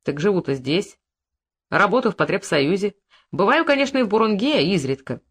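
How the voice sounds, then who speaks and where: A reader voicing an evasive rural man caught out, answering tersely in a lowered, reluctant voice. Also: sing-song, brisk, breathy edge.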